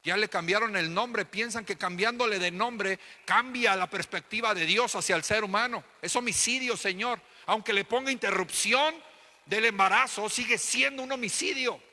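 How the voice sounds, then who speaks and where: A man's voice: sits high, normal speed, sharp tone, long reverb tail. A man with a Mexican Spanish accent preaching a sermon as pastor, with emphatic repetition and rhetorical questions. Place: church hall.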